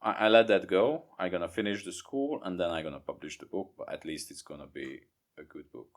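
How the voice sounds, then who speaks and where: A young Hungarian man with a Hungarian accent, a guest author talking casually in a podcast interview, halting and repeating words. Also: sits low. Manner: halting, repeats words, non-native grammar. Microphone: remote podcast recording.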